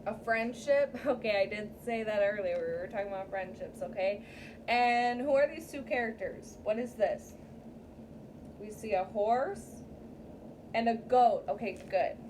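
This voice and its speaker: Speaking a little slowly in a mid-range, darkish voice, a woman teacher leads read-aloud story time for young pupils. She keeps asking short checking questions such as "right?" and "okay?", and the distant mic catches plenty of background room noise.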